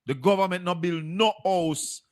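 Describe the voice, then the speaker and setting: A man's voice: high-pitched, normal speed. A man with a Jamaican accent hosting a live stream, pressing his guest with insistent, point-by-point questions.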